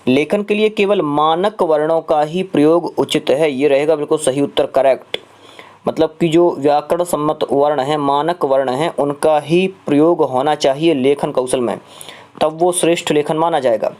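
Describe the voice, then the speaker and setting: A man teaching an exam prep lesson. He explains step by step, repeats each question and pauses on filler sounds between phrases. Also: a little high, fairly even intonation, a little mellow.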